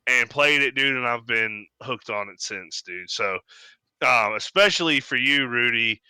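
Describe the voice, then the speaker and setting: A man chatting animatedly on a podcast, swearing freely and slipping into mimicked voices as he tells his stories. His voice is strikingly bright and crisp, recorded dry and close to the mic, with no room sound. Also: mid-range voice, expressive, measured pace, dry recording, low-quality recording. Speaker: podcast co-host. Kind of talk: casual chat.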